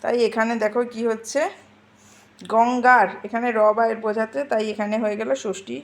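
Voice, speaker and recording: Lady teacher going over sanskrit forms slowly, a bit gravelly, kinda high voice. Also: flat delivery. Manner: patient, repeats forms slowly and asks "ঠিক আছে?". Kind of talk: explaining grammar to students.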